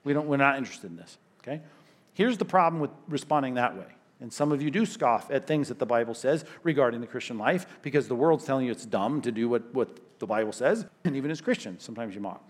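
A male pastor preaching a sermon in an emphatic way. He repeats himself, throws in sudden loud stresses, and drops into quiet asides. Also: mid-range voice, animated, fast talker.

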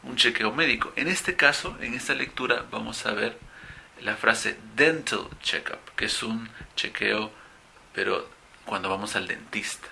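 A man teaching an English vocabulary lesson, stressing key words with sudden rises in pitch. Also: unhurried, creaky, bright, forceful tone, slight background noise.

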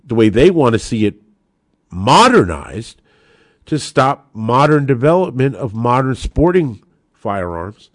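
In a studio-quality recording with no room sound, a mid-range male voice holds forth on his political podcast. The American host argues combatively and forcefully, dressing up his opinions with rhetorical flair.

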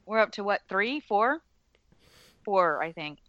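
A woman's voice: medium pitch, animated, a little slow, fairly bright tone, no room sound, muffled recording. A woman from the American South with a slight Southern accent, co-hosting a casual movie commentary, laughing often and swearing freely. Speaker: podcast co-host.

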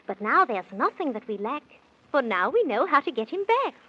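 A high, sing-song female voice, bright and forceful with a breathy edge, delivers a heavily acted good fairy-tale queen at normal speed. She gives reassuring, instructive lines in theatrical rhyme for a 1930s children's radio serial, captured in dull vintage sound.

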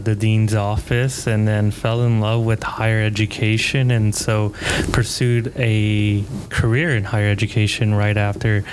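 Low-voiced man over audible noise. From San Antonio, Texas. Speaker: student success coordinator. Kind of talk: casual podcast chat.

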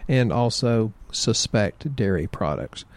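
A man's voice: fairly low pitch, expressive, slow pace, no echo. A man casually talking about health in a folksy, joking, rambling way. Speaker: health practitioner co-host.

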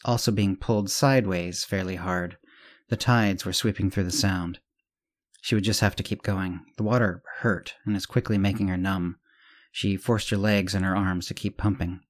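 A man hosting a podcast and reading a serial story aloud, measured and steady, with small self-corrections. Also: on the low side. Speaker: host and narrator. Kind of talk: scripted narration of a serial story.

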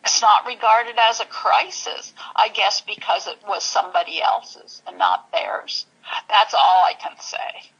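Husky, gravelly-voiced woman recalling her past. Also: mid-range voice, a bit bright, dull audio. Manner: halting, searching for words, many restarts. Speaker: interview guest. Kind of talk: personal story in an interview.

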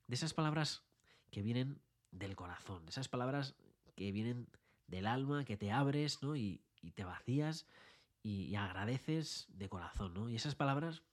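Animated man hosting a podcast. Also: on the low side. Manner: animated, mimics protest chants. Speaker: podcast host. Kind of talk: motivational podcast monologue. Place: his office.

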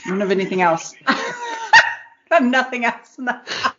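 A woman's voice: on the high side, wildly swooping pitch, normal speed, heavy background noise. A woman chatting casually and candidly with friends, gushing freely, recorded in an echoey, sparsely furnished room. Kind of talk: casual group chat. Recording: echoey empty room, dull lo-fi sound.

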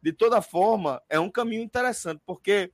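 A man's voice: sits high, a little fast, no echo. A man hosting a casual betting podcast in slangy, sweary colloquial speech. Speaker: podcast host.

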